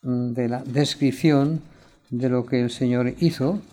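A man preaching a sermon, reading Bible passages aloud and rising louder on the quoted cries of the crowd. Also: mid-range voice, steady tone, measured pace.

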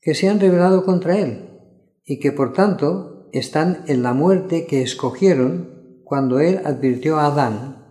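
Male preacher reading scripture, measured and emphatic, slightly high voice, echoey room. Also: dark tone. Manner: reads scripture slowly, stressing the crowd's cries. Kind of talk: sermon with Bible reading.

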